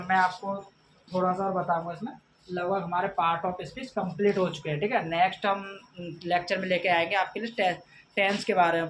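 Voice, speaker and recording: A man teaching an English grammar lesson, reading out examples slowly and repeating a filler after nearly every phrase. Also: high-pitched, fairly bright tone. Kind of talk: classroom lecture. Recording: distant mic with faint background noise.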